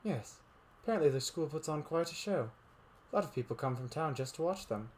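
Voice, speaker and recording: Man doing a prim teenage girl, formal and courteous, lively pitch, quick pace. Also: close to an everyday voice. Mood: calm. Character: prim, polite teenage girl, composed and proper. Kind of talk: fan voice reading of a visual novel.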